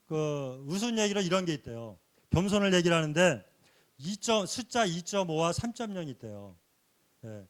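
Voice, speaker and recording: Man, fairly high voice, church lecturer, sermon-style teaching, earnest, keeps inserting a soft "yes" between phrases. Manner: earnest, explanatory teaching with rhetorical questions.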